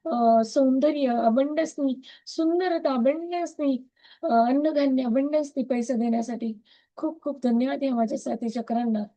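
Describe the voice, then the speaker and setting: A woman's voice: fairly high pitch, dark tone, no echo, low-quality recording. A woman with a Marathi accent leading a devotional gratitude practice over a video call, repeating her thanks in an earnest, chanting way.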